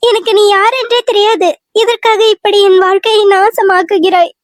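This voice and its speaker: A woman's voice: very high voice, steady tone, moderate pace, no echo, studio quality. A woman voicing a young bride who is falsely accused and protests her innocence, in a cartoon serial. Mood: pleading.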